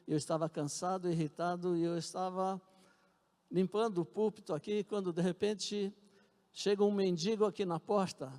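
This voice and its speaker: A Brazilian man preaches in a church sanctuary, earnest and fond of repeating himself as he tells his testimony. His voice sits fairly high yet sounds mellow and soft-edged. A long, lingering church reverb trails after his words. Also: fairly even intonation, moderate pace. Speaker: pastor. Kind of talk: sermon with personal testimony.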